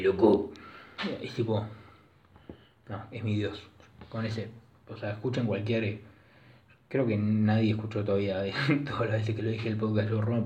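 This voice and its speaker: A man's voice: on the low side, a little mellow. A young man with a Rioplatense Argentine accent, rambling alone on his podcast in crude, casual slang and often correcting himself. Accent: Rioplatense Spanish. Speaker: podcast host. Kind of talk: casual solo podcast monologue. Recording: echoey dull lo-fi room recording.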